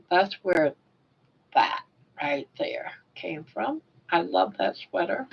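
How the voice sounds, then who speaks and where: Older woman, very slow pace, toothless sore-mouth diction, rambling livestream chat, dull lo-fi audio. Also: lowish voice, gravelly. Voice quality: toothless, soft-edged articulation from missing dentures and a sore mouth. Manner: rambling, self-conscious, unhurried. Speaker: livestream host. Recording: dull lo-fi webcam or phone audio.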